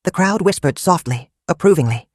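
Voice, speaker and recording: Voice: medium pitch, lively intonation, normal speed, a little mellow. A storyteller narrating a folktale in short, simple, clipped sentences.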